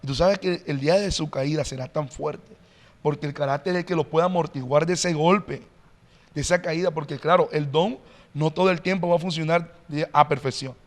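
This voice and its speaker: A male pastor explaining in an earnest, teacherly way as a podcast guest, often pausing on "eh". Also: fairly high pitch, long reverb tail. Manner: earnest, teacherly, frequent "eh" fillers. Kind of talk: podcast interview, preaching-like explanation.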